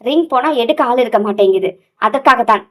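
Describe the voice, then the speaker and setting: A woman's voice: a little high, animated, brisk, fairly bright tone. A woman voicing an angry young man who scolds bluntly, in an audio novel. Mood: stern, scolding.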